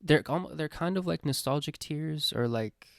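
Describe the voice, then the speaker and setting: A man's voice: fairly high pitch, animated, normal speed, gravelly, no room sound, clean studio sound. A man musing aloud in a casual, sincere monologue, hesitant and full of fillers, swearing now and then. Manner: rambling, hesitant, many fillers and restarts. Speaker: vlogger answering his own question list.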